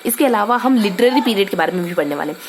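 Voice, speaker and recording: A chatty, playful young woman gives a casual Hindi lesson built around memory tricks, thinking aloud with lots of fillers. Her medium-pitched voice is expressive and racing, with noise in the background.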